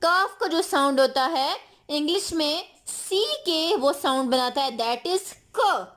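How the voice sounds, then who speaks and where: Brief: female phonics teacher, high voice, very slow and patient with little kids. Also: fairly bright tone. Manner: slow, drawn-out sounding of letters, patient. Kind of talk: phonics lesson for young children.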